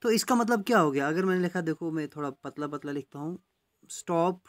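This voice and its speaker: A man teaching a grammar lesson for exam students, mixing English phrases into his talk and often checking with "right?". He slows right down to read out example sentences. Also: on the high side, lively intonation.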